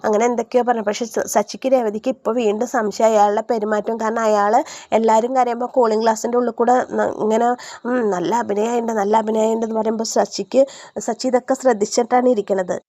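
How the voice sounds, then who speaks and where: Fast-talking woman recapping a serial. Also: fairly high pitch, little pitch movement, dark tone, no room sound. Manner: chatty, acts out the characters' lines. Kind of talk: fast casual retelling of a TV serial episode.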